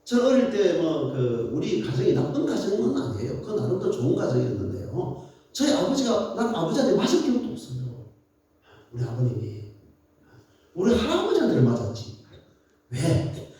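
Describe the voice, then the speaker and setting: A man preaching a sermon as pastor, telling playful stories in an animated way. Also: a little high, normal speed. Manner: animated, playful storytelling with laughs. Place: church. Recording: echoey church hall, mic at a distance.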